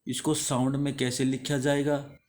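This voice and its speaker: His voice is mid-range and level as this Indian-accented man slowly teaches English letters. He asks a question, answers it himself, and echoes each answer.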